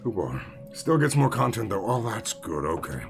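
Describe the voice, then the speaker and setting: A man's voice: lowish voice, sing-song, normal speed, creaky, faint music behind. A man streaming a game, chatting casually with his viewers, rambling, swearing freely and mocking himself. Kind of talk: casual live-stream chat while gaming.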